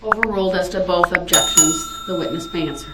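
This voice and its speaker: A woman judge speaks very quickly in a lowish voice, giving brisk rulings. She is far from the microphone in an echoing, noisy courtroom. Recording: distant, echoey, noisy courtroom.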